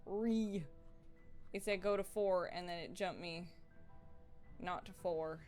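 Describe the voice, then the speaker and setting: A woman streaming a solo tabletop game, chatting excitedly with her viewers and reading out the adventure. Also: lowish voice, slow pace, faint music behind. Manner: chatty and excitable, talks straight to her chat. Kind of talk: casual live-stream chat and adventure reading.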